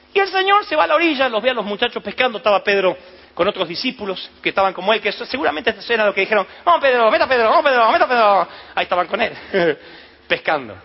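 A high-voiced man preaching a sermon, acting out the story with animated voices and sudden shouts. The sound is dull and lo-fi, like a live church recording. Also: vocal fry, breathy edge.

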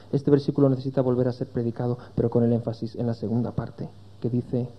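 Earnest preacher, lo-fi. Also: male voice, mid-range voice. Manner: earnest, builds to raised emphatic peaks. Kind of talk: sermon.

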